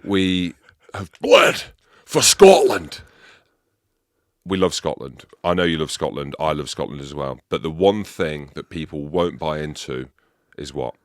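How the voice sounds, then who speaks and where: Very deep-voiced English man hosting. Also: normal speed, hardly any pauses, no echo, studio quality. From England. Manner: animated, chatty, leads the questions. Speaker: podcast host. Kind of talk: casual podcast chat.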